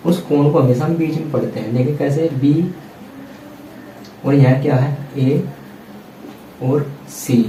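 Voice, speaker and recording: A man's voice: mid-range voice, warm tone, slight background noise. A male maths teacher giving a blackboard lesson, patiently explaining to students and often checking in with a filler word. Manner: repeats "theek hai" as a check-in filler. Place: classroom at a blackboard. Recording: echoey room, voice from a distance, faint ambience.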